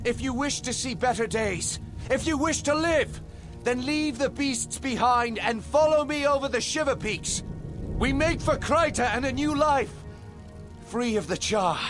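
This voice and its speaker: A man's voice: very high voice, a little slow. A man playing a proud, defiant human prince, speaking in an earnest, noble, declamatory way in a video game cutscene. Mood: rallying. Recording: loud music behind. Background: loud music.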